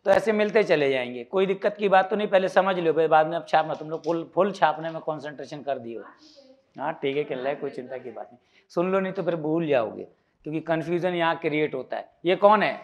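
A man's voice: fairly high pitch, quick pace. A man from India teaching a physics class, quizzing students with repeated questions and teasing asides, mixing English terms into Hindi. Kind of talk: classroom lecture.

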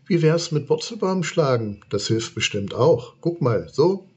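A man's voice: fairly high pitch, sing-song, measured pace, a little mellow, breathy edge, muffled recording, voice pushed up, exaggerated voice. A man voicing an eager, kind young boy who coaxes with questions in a storybook reading.

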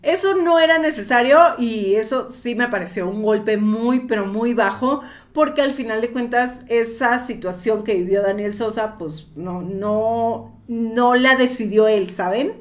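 Chatty high-voiced Mexican woman commenting. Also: measured pace, hardly any pauses. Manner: chatty, giggly asides to viewers. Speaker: commentator reacting to a clip. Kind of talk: casual reaction commentary.

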